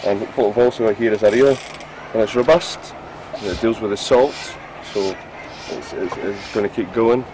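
Brief: middle-aged angler, lowish voice, keen, outdoors on a boat with clear sea and wind noise. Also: male voice, normal speed. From Scotland. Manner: enthusiastic, repeats and restarts words. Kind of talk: casual explanation to camera. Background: wind, water and boat noise.

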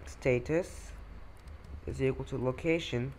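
A man's voice: mid-range voice, slow, a little mellow, slight background noise. Man explaining code step by step. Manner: explanatory, walks through code step by step with fillers. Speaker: coding tutorial host. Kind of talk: screen-recorded coding tutorial.

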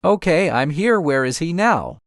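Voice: medium pitch, very animated, a little slow, no room sound, clean studio sound. An amateur performer voicing an angry brawling father in a homemade cartoon skit, with crude slangy trash talk and pained yelps as if hit in the groin.

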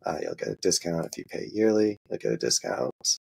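A man with a very deep, gravelly voice that has a husky edge, guesting on an interview as an open source maintainer. He walks through a software demo in a halting, easygoing way, dotted with filler sounds. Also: big pitch swings.

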